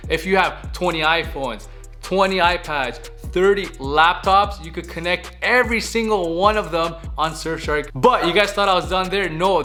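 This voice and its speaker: A young man from Canada talks to his viewers in a casual food vlog, recorded on a phone inside a car. His voice sits a little high, and he sounds chatty and enthusiastic, calling out to "you guys" often. Faint music plays underneath. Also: sharp tone. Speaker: food vlogger. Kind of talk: casual mukbang vlog with sponsor read. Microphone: phone camera.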